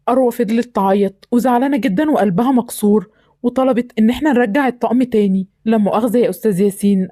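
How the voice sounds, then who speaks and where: A woman's voice: on the high side, mellow, no echo, studio quality, lightly acted. A woman with an Egyptian accent voicing a worried, humble working-class father in an amateur voice drama. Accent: Egyptian Arabic. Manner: humble, apologetic toward his boss.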